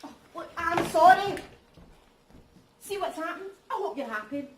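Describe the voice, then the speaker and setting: An actress in a stage reading playing a concerned wife who talks in a questioning, colloquial way. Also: female voice, very high voice, expressive, unhurried. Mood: dismayed. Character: concerned, questioning wife, caught between two men. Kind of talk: rehearsed stage reading of a drama. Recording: echoey room, distant mic, background noise.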